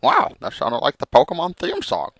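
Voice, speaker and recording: Man doing a creaky, wildly swooping frog hero. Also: on the high side, wildly swooping pitch, normal speed, fairly bright tone, dry recording, studio quality, exaggerated voice. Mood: mournful storytelling. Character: melodramatic, vengeful male frog hero telling his journey. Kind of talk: amateur comic storytelling, theatrical.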